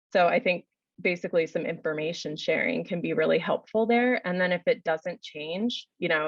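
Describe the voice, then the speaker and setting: A woman's voice: fairly low pitch, dry recording, dull audio. A woman psychologist answering questions in a webinar, thoughtful, with many "you know" fillers. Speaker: psychologist guest speaker.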